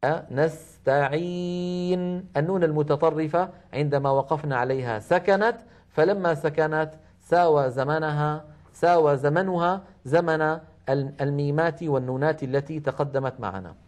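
A man teaching Quran recitation, explaining quickly and then reciting slowly and drawn out, repeating single sounds and syllables to demonstrate. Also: fairly high pitch, a little mellow. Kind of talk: tajweed lesson with chanted recitation.

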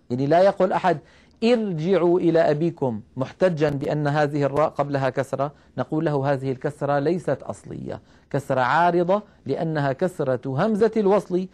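A man teaching the rules of Quran recitation, explaining each rule step by step, asking his listeners questions and reciting verses slowly as examples. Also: a little high, darkish tone. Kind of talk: recorded tajweed lesson.

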